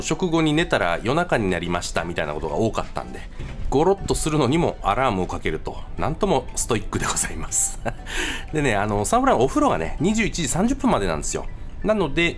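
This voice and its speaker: A man with a Kansai accent narrating his travel vlog in a jokey way, mixing formal phrasing with dialect. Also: mid-range voice. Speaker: travel vlogger.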